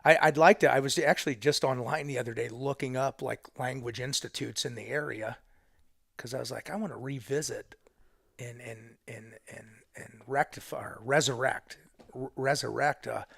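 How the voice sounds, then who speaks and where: Gravelly man telling stories on a couch. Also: mid-range voice, steady tone, moderate pace, a bit bright, dry recording, studio quality. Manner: loose storyteller, swears freely, drops to a whisper for punchlines. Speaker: podcast guest. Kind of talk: casual conversation. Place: living room, seated on a couch. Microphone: headset.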